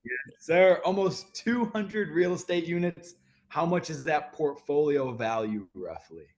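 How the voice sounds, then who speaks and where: A man's voice: on the high side, animated, measured pace, darkish tone. A man hosting an interview in an upbeat, friendly manner, with casual slang. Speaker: host.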